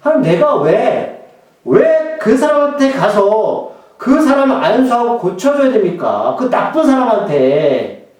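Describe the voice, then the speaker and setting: A man's voice: very high voice, big pitch swings, measured pace, a little mellow, heavy reverb, distant mic, exaggerated voice. A man voicing an indignant man who argues and pleads with God, in a sermon. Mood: protesting. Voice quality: pleading, arguing.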